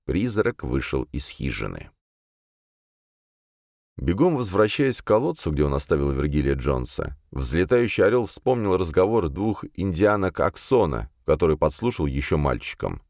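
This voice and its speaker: A man narrates a novel in a deep, low voice that rises and falls with lively expression. His storytelling is measured and engaged. The recording is close and dry, with no room echo. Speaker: audiobook narrator. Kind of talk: scripted narration.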